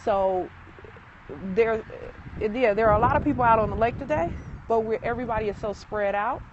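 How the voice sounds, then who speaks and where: A woman's voice: fairly high pitch, moderate pace, lo-fi sound. A woman real estate agent chatting casually on a live-stream walk along a lakefront, rambling with fillers and a little out of breath. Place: outdoors by a city lakefront. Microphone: phone held while walking. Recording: outdoor phone recording with traffic noise.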